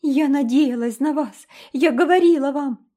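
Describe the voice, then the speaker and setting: Woman putting on a high tremulous fretful mother. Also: animated, a little fast, warm tone. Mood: tearful, reproachful. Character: tearful, fretful middle-aged mother, pleading.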